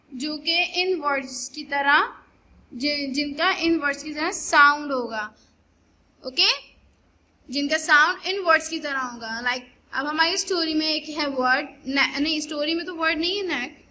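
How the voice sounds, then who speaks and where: A woman teaching a young English class in a recorded video, with a high, bright voice. She drills words very slowly, repeating each one so children can copy it. A faint room ambience hangs behind her. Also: a little hiss or hum. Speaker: primary school English teacher. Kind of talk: online class lesson. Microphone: recorded for online video.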